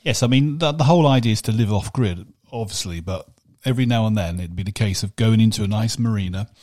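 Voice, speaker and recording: A man's voice: lowish voice, quick pace, a little mellow, no echo, clean studio sound. A man in his fifties co-hosting a podcast, chatting in a rambling, jokey way with many restarts. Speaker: podcast co-host. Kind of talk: casual chat.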